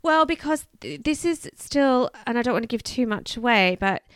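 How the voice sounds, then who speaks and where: An Australian woman co-hosting a podcast, telling a true-crime case in casual, chatty talk with quick asides. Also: a little high, animated, clean tone, no echo, clean studio sound. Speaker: podcast co-host.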